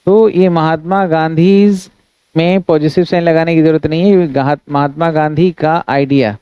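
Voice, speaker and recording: Male grammar tutor, smooth voice, steady classroom explainer, dry close recording. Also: fairly high pitch, no room sound, muffled recording. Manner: reads English sentences slowly, explains in Hindi; addresses students as friends, steady instructive delivery. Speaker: English grammar teacher. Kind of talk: exam-prep grammar lesson.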